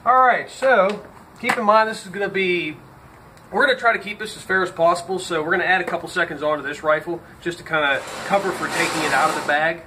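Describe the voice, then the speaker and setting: A man's voice: high-pitched, fast, sharp tone. A man hosting a casual demonstration video, talking to viewers with a dip of tobacco tucked in his lip that slightly muffles his speech. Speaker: host of a firearms video channel. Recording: clearly noisy with ambient sound.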